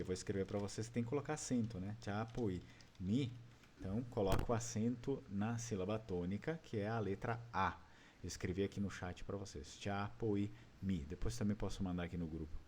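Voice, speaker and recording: A man's voice: lowish voice, a little mellow, a little hiss or hum. A man with a Brazilian Portuguese accent teaching an online class, patiently explaining step by step and quizzing his students. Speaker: language teacher.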